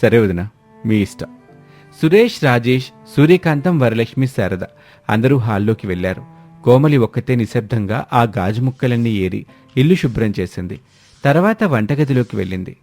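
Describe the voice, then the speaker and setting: Male storyteller over soft music. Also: medium pitch, normal speed. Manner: steady, expressive storytelling. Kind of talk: scripted story narration.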